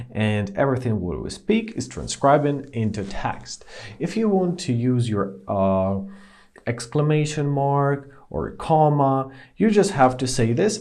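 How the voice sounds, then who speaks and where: A man's voice: medium pitch, a little mellow. A man presenting a tech tutorial, talking viewers through phone steps one by one. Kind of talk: step-by-step phone tutorial narration.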